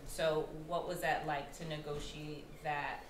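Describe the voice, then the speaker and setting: A woman's voice: low voice, flat delivery, unhurried. A woman moderating a theater panel, asking questions casually with many filler words. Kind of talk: panel discussion. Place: small theater stage, indoors. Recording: roomy hall, faint noise.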